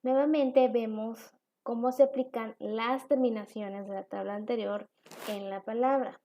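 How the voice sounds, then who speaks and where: Woman, teacher, online class, patient step-by-step explanations, mellow tone. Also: on the high side, steady tone, measured pace. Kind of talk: recorded online class lecture.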